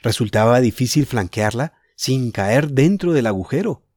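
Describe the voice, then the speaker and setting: A man's voice: medium pitch, moderate pace, no room sound, clean studio sound. A man narrating a children's adventure novel as an audiobook, reading expressively. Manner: expressive storytelling.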